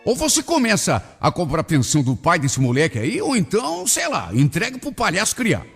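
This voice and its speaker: A man's voice: high voice, wildly swooping pitch, brisk, vocal fry, fairly bright tone, breathy edge, in a large hall, faint music behind, full character voice. A man voicing a scornful, coarse middle-aged husband who talks in a mocking, dismissive way.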